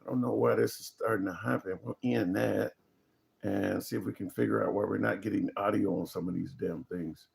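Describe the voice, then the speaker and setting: A man's voice: lowish voice, steady tone, fairly quick, gravelly, a little mellow. A man hosting a casual live political commentary stream, speaking bluntly and informally, with some swearing and repeated phrases for emphasis.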